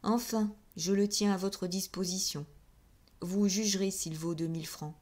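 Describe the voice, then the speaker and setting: A woman reading an audiobook, voicing a composed male store manager who talks in a calm, measured, coolly firm way. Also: mid-range voice, close to an everyday voice. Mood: cold calm.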